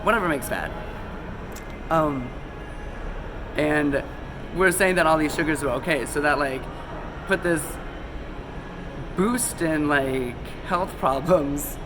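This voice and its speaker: A man with a fairly high voice talks loosely to a phone camera for his conspiracy video, going slowly with long pauses while background noise runs underneath. Slightly ill and losing his voice, he chats casually, constantly saying um and correcting himself.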